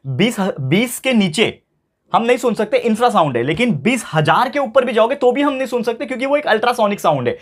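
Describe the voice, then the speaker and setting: A young male tutor with a fairly high voice gives an online science lesson. He mixes English phrases into his talk and keeps asking his class rhetorical questions. He slows right down to repeat each key term. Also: very animated.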